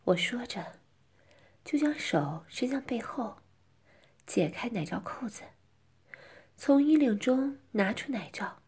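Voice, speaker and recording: Woman, middle-aged, whispered role-play, very breathy, lively pitch, coy. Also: takes it slowly, pauses often. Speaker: narrator.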